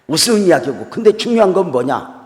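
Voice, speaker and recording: Man preaching revival sermon, animated voice, long church-hall reverb, loud bursts then hushed storytelling. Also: a little high, quick pace. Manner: swings between loud exclamations and quiet storytelling, asks the congregation questions. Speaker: guest revival pastor. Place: church sanctuary.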